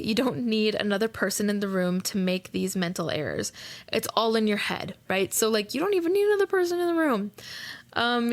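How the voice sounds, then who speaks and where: Chatty woman podcast host. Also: mid-range voice. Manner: chatty, many fillers and "right?" asides; reads aloud from a book. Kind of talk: casual solo podcast talk.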